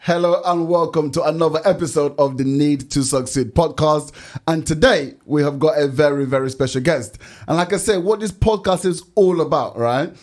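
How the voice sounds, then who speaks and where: A man's voice: fairly high pitch, a little mellow. A man hosting a podcast, introducing his guest with enthusiasm and calling him bro. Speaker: podcast host.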